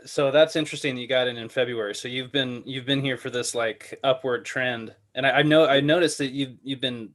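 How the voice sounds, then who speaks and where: A man hosts an online committee meeting, calling on people in a loose, rambling style full of fillers and restarts, a casual way of moderating. His mid-range voice is a bit bright and fairly even in intonation, and he talks briskly with hardly any pauses.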